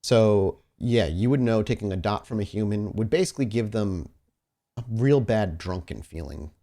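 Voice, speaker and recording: Running a tabletop roleplaying game, a man with a low, dark-toned voice speaks at a moderate pace with lively intonation. He addresses his player conversationally, shifting between improvised, descriptive scene-setting and casual chat at the table.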